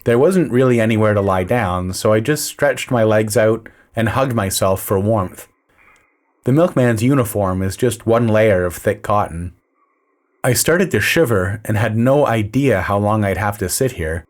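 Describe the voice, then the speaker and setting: A man narrating a story in the first person, with a dry, measured, low-key delivery. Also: animated.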